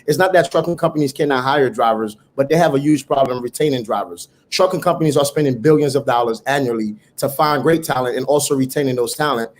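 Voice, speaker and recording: A man's voice: medium pitch, quick pace, hardly any pauses. A middle-aged man from Haiti, a startup founder telling his story in an earnest, motivational way as an interview guest. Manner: earnest, motivational, occasional repeated words. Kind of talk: conversational interview.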